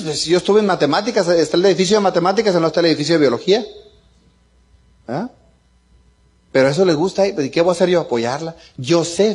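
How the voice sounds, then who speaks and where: This is a middle-aged man, speaking a touch higher than most men. He tells personal stories to a seminar crowd in a casual, colloquial way. He jokes as he goes and keeps checking in with his listeners. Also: darkish tone. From Mexico. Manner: joking, colloquial, tags lines with "¿no?" and "¿ah?". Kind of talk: seminar storytelling talk.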